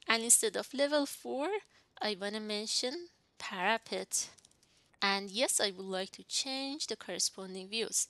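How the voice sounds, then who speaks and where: Slow, bright-voiced woman teaching software. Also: on the high side, clear, resonant tone, dry recording. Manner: slow, step-by-step, talking through each click. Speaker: instructor. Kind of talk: software tutorial narration.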